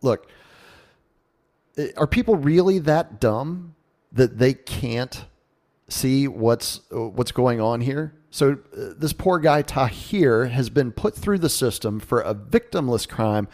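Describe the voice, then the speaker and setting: A radio host reads a news article and riffs on it, offering informal, sarcastic, mocking commentary full of salty language. His mid-range voice is a little mellow, with lively intonation and a slow pace.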